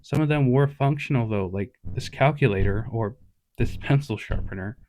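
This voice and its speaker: A man's voice: medium pitch, normal speed, dark tone, a little hiss or hum. A man hosting a retro media review, narrating casually with wry, sarcastic asides. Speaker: host.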